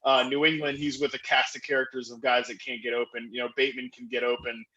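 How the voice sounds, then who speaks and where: Heard through lo-fi sound, a man with a medium-pitched voice analyzes fantasy football as a podcast guest. His delivery is quick and eager, with plenty of fillers and restarts.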